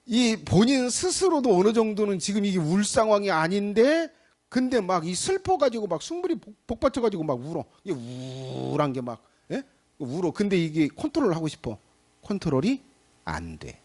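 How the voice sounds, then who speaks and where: Animated middle-aged man preaching. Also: high-pitched, moderate pace. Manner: animated and conversational, acting out little scenes. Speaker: pastor. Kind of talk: sermon. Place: church sanctuary.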